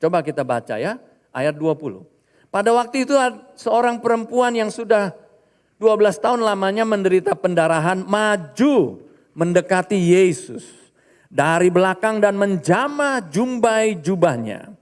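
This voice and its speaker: A male pastor preaching a lively sermon in church, acting out the voices of people he quotes. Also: high voice, a little slow, big-room sound. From Indonesia.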